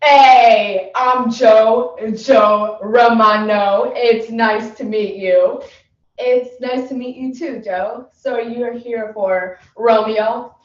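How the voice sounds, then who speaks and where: Brief: hotheaded young man, played by a woman, shouty and brash, dull roomy sound. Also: a little high, fairly even intonation, slow, few pauses. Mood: brash loud. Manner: brash, shouty tough-guy talk. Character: loud hotheaded young male actor. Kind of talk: competitive humorous interpretation. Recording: echoey room, distant mic, dull sound.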